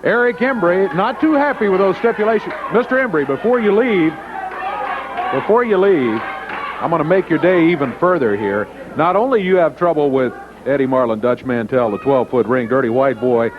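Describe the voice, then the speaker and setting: A man's voice: a little high, lively intonation, moderate pace, background noise. A man interviewing a wrestler for television, stumbling as he reads out the match rules, on a muffled old tape. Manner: stumbling over his reading, needling. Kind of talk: broadcast interview. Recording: muffled 1980s TV tape with music.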